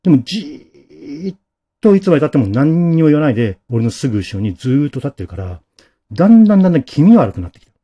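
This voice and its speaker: A man doing a shaken young guy, hushed. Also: fairly high pitch, big pitch swings, quick pace, husky, pitched above the performer's own voice. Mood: uneasy.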